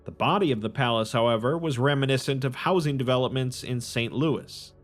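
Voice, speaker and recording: A man giving scripted, measured narration of a strange tale. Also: mid-range voice. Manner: measured, descriptive storytelling. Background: faint music.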